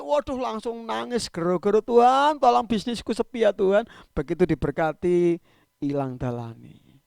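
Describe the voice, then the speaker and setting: A male pastor, preaching in a conversational livestreamed sermon that swings from loud emphatic peaks to quiet trailing phrase endings. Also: sits high, gravelly, no room sound, studio quality. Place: church livestream.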